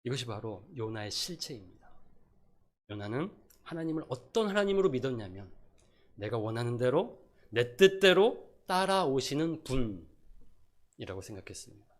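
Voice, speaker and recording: A middle-aged man preaching a sermon as pastor, moving between loud emphasis and soft asides, and acting out pleading prayers. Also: mid-range voice, very animated, normal speed. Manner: acts out prayers and quotes in a pleading voice.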